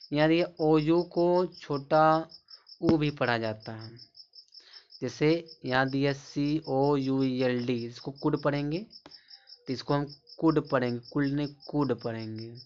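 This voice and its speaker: A male English teacher explains spelling and pronunciation, drilling each word again and again and quizzing his listeners as he goes. His voice sits at an everyday middle pitch. The recording is a little dull and lo-fi, with a faint hiss of noise behind him. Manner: repetitive, drills each word several times and asks rhetorical questions. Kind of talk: classroom-style lesson explaining spelling and pronunciation. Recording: slightly dull lo-fi sound with faint background noise.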